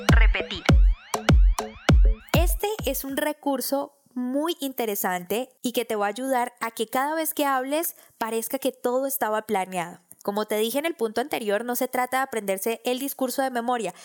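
Woman hosting a speaking-skills podcast. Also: on the high side. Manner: clear, instructive, addressing the listener directly. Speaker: podcast host. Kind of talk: scripted podcast lesson on public speaking. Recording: section headings read over loud electronic music.

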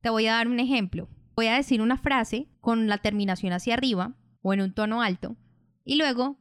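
A woman who hosts a podcast and coaches public speaking, explaining in a calm, measured way. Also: on the high side, smooth, no room sound, clean studio sound. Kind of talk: instructional podcast narration.

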